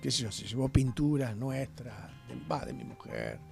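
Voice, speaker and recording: A man's voice: medium pitch, huge pitch swings, moderate pace, gravelly, darkish tone, soft background music. A man, a guest in a radio interview, talking passionately and often checking in with his listener. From Argentina. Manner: passionate, talks with rhetorical tags.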